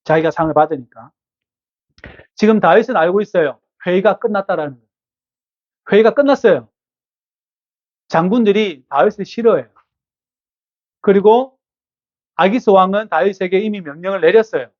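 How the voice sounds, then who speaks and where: A man's voice: sits high, moderate pace, pauses often, no echo, dull audio. A male pastor preaching at an evening church service, conversational and full of rhetorical questions to the congregation. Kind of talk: sermon.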